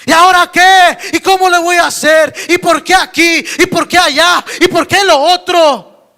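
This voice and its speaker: A man's voice: very high voice, steady tone, normal speed, pushed and bright, heavily acted. A man acting out panicking adult male disciples who fire off frantic, anxious questions.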